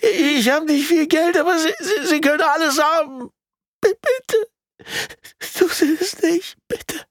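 A man's voice: very high-pitched, unhurried, a bit bright, no room sound, studio quality, voice pushed up. A man voicing a terrified captive who begs through tears, stammering and sobbing. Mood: tearful begging. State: crying.

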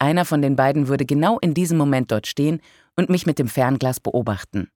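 Brief: audiobook narrator, measured first-person reading, wry humor, close and dry. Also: medium pitch, darkish tone, no room sound.

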